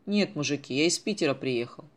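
A man voicing a gruff, commanding adult police captain who talks loudly. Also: fairly high pitch, expressive, a little fast, close to an everyday voice. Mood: polite. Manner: loud, brusque, commanding.

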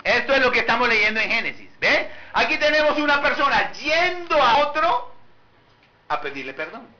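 A man preaching a sermon in a very bright, high voice that swings widely in pitch. He keeps asking his congregation rhetorical questions. The recording is a bit muffled, with faint noise behind him. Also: big pitch swings, moderate pace. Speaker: pastor.

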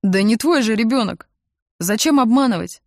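A woman's voice: a little high, animated, normal speed, darkish tone, dry recording, studio quality. A woman doing a coarse male kidnapper. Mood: jeering. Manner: coarse, jeering. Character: rough, mocking male kidnapper driving.

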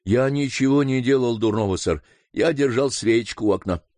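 A man's voice: mid-range voice, normal speed, darkish tone, no room sound, voice pushed up, natural voice. A man reading an audiobook voices a nervous, evasive male butler.

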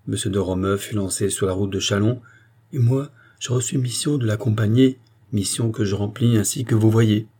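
A man voicing an angry, vengeful guardsman who recounts his ride with fierce conviction, in a husky voice. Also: lowish voice, steady tone, normal speed, dark tone. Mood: determined. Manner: fierce, vehement storytelling.

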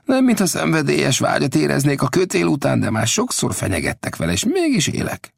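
A man's voice: fairly high pitch, vocal fry, slightly rough, no room sound, clean studio sound, pitched above the performer's own voice, full character voice. A man voicing a wry old frontier scout. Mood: calm wry. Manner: calm, mocking self-assurance. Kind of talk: audiobook character voice.

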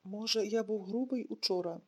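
A woman's voice: mid-range voice, normal speed, slightly rough, lightly acted. A woman reading an audiobook, voicing a bewildered young man who mumbles placating words. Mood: unsure.

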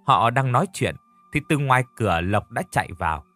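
A male storyteller reads dramatically, his pitch rising and falling a lot. The voice is close and dry, with faint music under it. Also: a little fast, dry recording. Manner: expressive, dramatic reading. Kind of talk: audio story narration.

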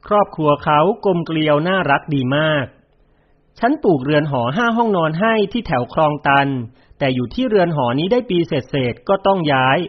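A man reading a memoir aloud in a measured storytelling way. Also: a little high, animated. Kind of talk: audiobook narration of a memoir. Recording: dull lo-fi recording.

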